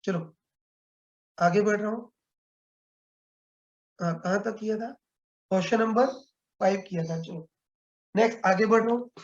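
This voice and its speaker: Over a video call, a man teaches an online physics class, explaining things step by step and frequently checking in with his students. His high-pitched voice moves at a measured pace with long pauses, and the highs are cut off.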